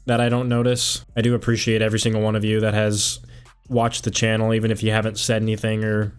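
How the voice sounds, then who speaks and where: A young man, a gaming YouTuber, talking casually and reflectively in a monotone over gameplay. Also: on the low side, quick pace, clean tone, faint music behind.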